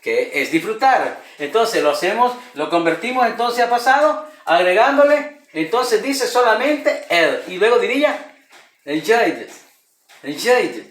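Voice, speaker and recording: A man presenting a grammar lesson, explaining each rule step by step and repeating the example words slowly. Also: high voice, sing-song, a bit bright, roomy sound. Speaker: student presenter teaching English grammar. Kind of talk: spoken lesson in Spanish.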